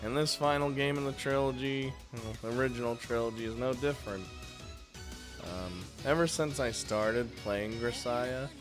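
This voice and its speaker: Music plays behind a man with a mid-range voice and moderate pace as he hosts a video game review series. He runs through a relaxed countdown of games, speaking informally and laughing lightly between phrases.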